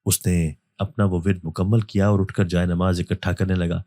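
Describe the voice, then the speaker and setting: A man reading a first-person horror story as a storyteller, in a steady, even manner. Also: sits low, dry recording, clean studio sound. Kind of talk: scripted narration of a horror story.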